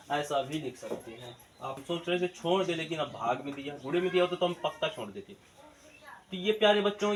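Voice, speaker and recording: A man's voice: a little high, slight background noise. A man teaching a math lesson, asking questions and answering them himself in a colloquial way. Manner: colloquial eastern Hindi words. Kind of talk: classroom-style math lesson video.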